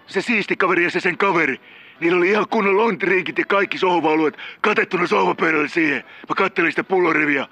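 A man voicing a volatile middle-aged drug-using killer who calls a radio show, rambling and cursing, bursting into shouts. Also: high voice, lo-fi sound, voice pushed up, full character voice. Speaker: caller.

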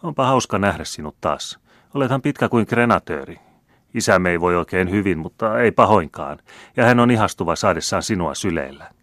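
A man voicing a proud, scheming count, the elder son, smooth and commanding. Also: sits low, lively intonation, a bit bright, dry recording, clean studio sound, pitched above the performer's own voice. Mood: feigned warmth.

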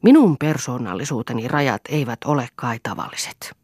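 A woman's voice: a bass voice, sing-song, a little mellow, husky, no room sound, clean studio sound, heavily acted. A woman voicing a moody, self-pitying husband in an audiobook, speaking in sulky, boastful outbursts. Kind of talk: audiobook character reading.

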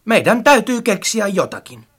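A performer voicing an eager, clumsy, easily frightened companion in an audiobook story, with lively, expressive delivery. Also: mid-range voice, husky. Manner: lively, expressive, calls out loudly. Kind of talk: audiobook character acting.

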